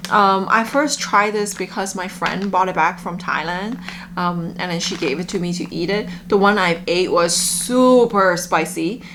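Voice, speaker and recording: A woman giving a casual, halting taste-test review, with lots of filler words like "like". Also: on the low side, noisy background. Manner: halting, filler-heavy, frequent "like". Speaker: food review vlogger.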